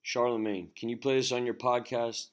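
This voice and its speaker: A man's voice: medium pitch, flat delivery, normal speed. A man who calls himself not a rapper delivers an aggressive, taunting battle-rap verse, recorded as a voice note on his phone over a beat. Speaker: amateur rapper sending in a verse. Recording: loud noisy phone voice memo.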